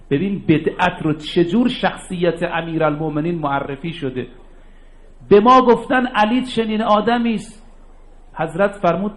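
A man preaching a religious sermon, emphatic, dropping low for asides and rising for his key points. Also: rough recording.

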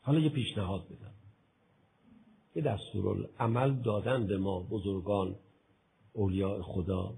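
A man preaching a religious sermon, acting out imagined talks with his listeners, going from a soft murmur to loud outbursts. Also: on the low side, fairly even intonation, creaky, long pauses, slight background noise, low-quality recording. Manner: acts out both sides of imagined dialogues with listeners; swings from soft murmur to loud impassioned exclamation.

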